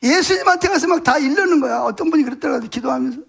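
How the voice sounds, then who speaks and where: High-voiced gravelly pastor preaching. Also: male voice, rapid-fire, fairly bright tone. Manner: emphatic, asks the congregation rhetorical questions; repeats words for stress, colloquial. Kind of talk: Sunday morning sermon.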